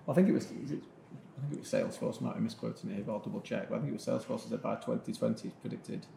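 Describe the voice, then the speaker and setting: A man's voice: medium pitch, rapid-fire, gravelly, warm tone. A man talking casually as a panellist in a podcast discussion. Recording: roomy echo, faint noise.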